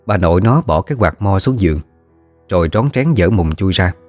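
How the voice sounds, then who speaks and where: A man narrating a ghost story in a steady, measured storytelling manner. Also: deep voice, no echo, soft background music.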